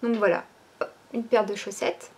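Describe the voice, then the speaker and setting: A woman's voice: medium pitch, steady tone, normal speed, slightly rough. A woman presenting new items from her online shop in a casual, chatty way, with lots of fillers and hesitations. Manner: chatty, many fillers like "ben" and "euh".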